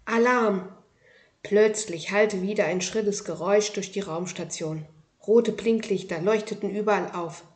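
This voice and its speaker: Woman, book presenter, calm, clear, measured reading voice. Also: medium pitch. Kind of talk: book review and reading aloud.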